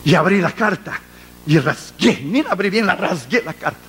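A man's voice: high-pitched, animated, normal speed, a bit bright, slight background noise. A man preaching a fervent sermon to a congregation, telling a personal testimony and dropping English phrases into his preaching. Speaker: evangelist preacher.

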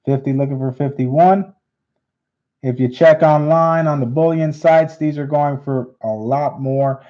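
Guy calling bids on a coin auction stream, slow and mellow, kinda muffled lo-fi sound. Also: on the high side, fairly even intonation. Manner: auctioneer patter, repeating bids. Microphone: unseen, hands on camera. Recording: dull lo-fi stream audio.

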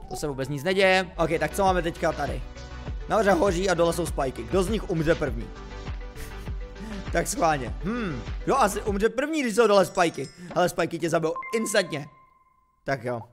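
A young male gamer with a fairly high voice talks through a game in a casual, joking way, dropping to low mutters and then jumping up into excited yelps. Background music plays softly under his voice. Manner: excitable, jokey, swings between muttering and yelping. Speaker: gaming YouTuber.

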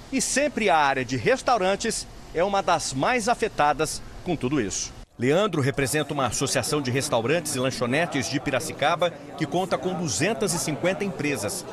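A man reporting for television news in a measured, steady scripted delivery. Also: fairly high pitch. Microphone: handheld microphone.

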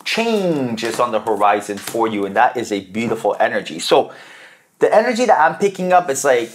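Earnest man giving a tarot reading. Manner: earnest, coaching tone with frequent "right?" tag questions; acts out quoted inner voices with jumps in pitch. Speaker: tarot reader. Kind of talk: spiritual tarot reading monologue.

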